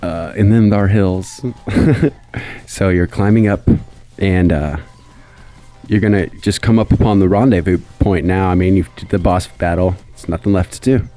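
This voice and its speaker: A man's voice: low voice, normal speed, mellow, faint music behind. A young man narrating a tabletop game as game master, loose and laughing. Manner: loose and laughing, lots of fillers.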